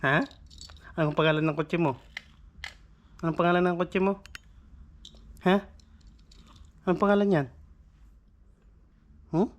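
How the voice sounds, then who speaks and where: With a high, steady voice, a measured pace, and long pauses, the vlogging dad teases and coaxes his toddler late at night at home. The playful baby talk circles back to the same questions amid soft laughter, and the recording sounds muffled.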